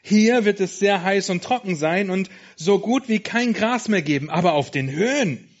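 A man's voice: sits high, expressive, moderate pace, pitched above the performer's own voice. A man voicing a cheerful, reassuring female sheep who encourages her friend in a storybook reading. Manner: encouraging, warm. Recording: dull lo-fi sound.

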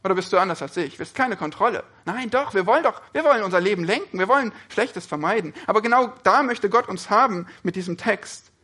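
Male preacher with a high, bright voice; earnest sermon delivery full of rhetorical questions. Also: animated, quick pace, few pauses.

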